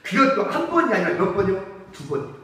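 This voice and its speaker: Male pastor with a high, animated delivery; keeps asking his congregation questions; heard from a distance in a very reverberant church. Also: fast talker. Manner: emphatic preaching with rhetorical questions to the congregation. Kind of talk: sermon. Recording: echoey church hall from far off.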